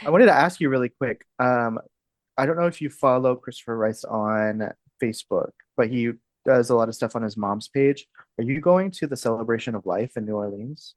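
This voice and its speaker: Relaxed hesitant woman in her thirties. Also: a bass voice, moderate pace, no room sound. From Texas. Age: 30s. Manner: relaxed, hesitant, with fillers and laughs. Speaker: podcast co-host. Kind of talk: casual chat.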